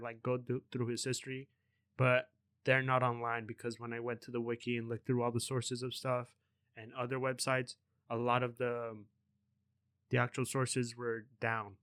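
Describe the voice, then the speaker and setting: A young man chats his way through a podcast segment in a loose, rambling manner. His voice sits at an ordinary middle pitch. The sound is dry and close, with no room around it. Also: fairly bright tone, dry recording. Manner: rambling, loose, swears casually. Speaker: podcast host. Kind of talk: casual podcast chat.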